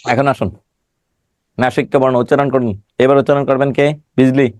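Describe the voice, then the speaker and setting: A man's voice: mid-range voice, fairly even intonation, moderate pace, a little mellow, no room sound. A middle-aged man teaching an online class over a video call, teasing and scolding students by name while he has a cold.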